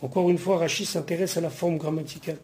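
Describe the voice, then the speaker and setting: A man's voice: fairly high pitch, fairly even intonation, fast talker, darkish tone. A man teaching the weekly Torah portion. He reads Hebrew phrases, then patiently translates and explains them, dwelling on grammar points. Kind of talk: verse-by-verse Torah study lesson.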